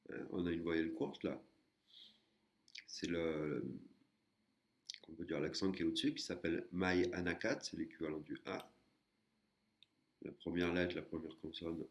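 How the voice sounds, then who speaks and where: Male teacher, low voice, slow and patient, hesitant explainer. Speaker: language teacher. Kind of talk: screen-recorded lesson.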